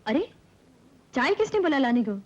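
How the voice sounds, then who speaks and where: A woman's voice: sits high, big pitch swings, normal speed. An actress playing a proud, stubborn young woman in a 1970s Hindi film, who talks curtly. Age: young adult. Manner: curt and refusing, then tearful. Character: proud stubborn young woman who later weeps over lost love. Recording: dull old film soundtrack with music.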